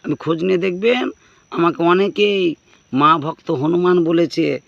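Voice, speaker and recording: Animated man telling a comic tale. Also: fairly high pitch, unhurried, gravelly, dry recording, lo-fi sound. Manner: animated, addresses listeners directly with appeals to listen. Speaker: comic storyteller. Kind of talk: humorous first-person monologue to an audience.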